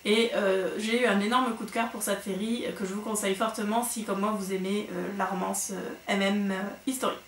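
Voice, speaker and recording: A woman's voice: medium pitch, fairly even intonation, brisk, hardly any pauses. Chatty woman vlogger in an echoey room. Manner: chatty, hesitant with frequent fillers and restarts. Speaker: book vlogger. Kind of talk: casual monthly reading recap. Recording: echoey room with faint noise.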